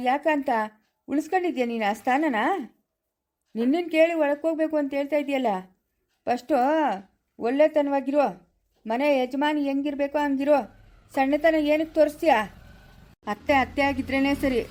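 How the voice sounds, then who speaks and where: High-voiced woman playing a stern lecturing elder, family drama. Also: a little mellow, natural voice. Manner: scolding, lecturing. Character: stern scolding elder woman guarding the house.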